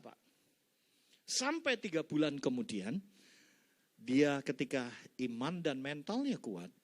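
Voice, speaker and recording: A male pastor preaching a sermon, telling a story and acting out both sides of the conversation. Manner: storytelling, acting out both sides of a dialogue with big pitch swings. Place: church service in a mall hall.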